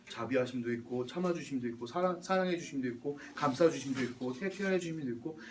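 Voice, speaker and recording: A man's voice: mid-range voice, a little mellow, far from the mic, slight background noise. A man giving a sermon in a casual, conversational way, dropping in slang and English words. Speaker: pastor.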